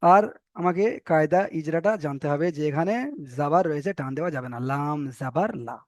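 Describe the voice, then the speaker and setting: A man with a fairly high voice teaches Quran reading, spelling out letters one by one and drilling each syllable again and again. He sounds close and dry, with no room around him. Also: no room sound. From Bengal. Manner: patient, repeats syllables slowly and drills them. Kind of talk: recorded online lesson, spelling out Arabic letters.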